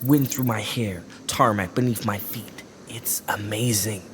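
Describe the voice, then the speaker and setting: A woman's voice: very deep voice, measured pace, noisy background. An actress playing a free-spirited young woman biker who talks in a laid-back way.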